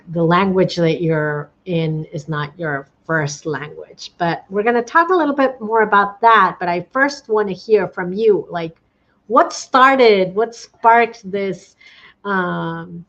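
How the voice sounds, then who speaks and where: A woman's voice: on the low side, a bit bright. A woman hosting an interview, introducing the topic in a hesitant way with frequent restarts. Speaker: host. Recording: dull lo-fi audio.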